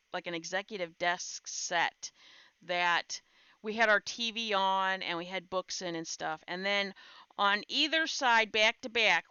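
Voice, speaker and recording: Bright, crisp-voiced woman telling stories. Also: medium pitch, dry recording, highs cut off. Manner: animated, laughing storyteller. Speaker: stream host. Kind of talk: casual storytelling chat.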